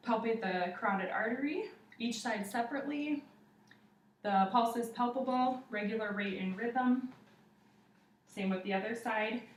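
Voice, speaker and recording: A young adult woman giving a step-by-step spoken demonstration of a clinical exam, narrating each finding as a student would. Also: a little high. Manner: procedural, step-by-step narration to a patient and observer. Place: living room, indoors. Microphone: camera across the room. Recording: roomy, distant camera mic, faint noise.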